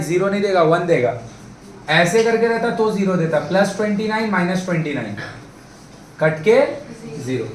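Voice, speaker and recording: High-voiced man teaching math in echoey room. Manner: coaxing, asks students questions, calls them "babu" and "bhai". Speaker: math tutor. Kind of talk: classroom math lesson in Hindi-English mix. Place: classroom with students. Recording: echoey room, mic far off, faint background noise.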